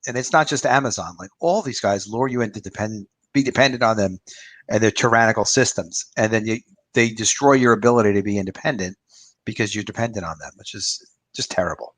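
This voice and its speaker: A man's voice: lowish voice, brisk, fairly bright tone, dry recording. A man in his fifties, an author and publisher, giving his opinions in a rambling, casual livestream chat with a dry close sound. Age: 50s.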